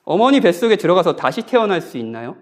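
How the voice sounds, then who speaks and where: A man's voice: sits high, big pitch swings, fast talker. A man, a guest pastor, preaching a sermon at a church Bible conference in a conversational way, often asking the congregation questions. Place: church sanctuary.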